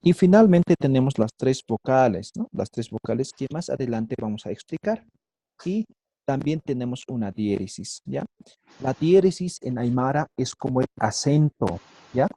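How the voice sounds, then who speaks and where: A man's voice: medium pitch, animated, warm tone, no echo. Patient man teaching on a video call. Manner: patient, checks in with "¿ya?" and "¿sí?" constantly; models sounds by repeating syllables slowly. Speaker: language teacher. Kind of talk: online language class.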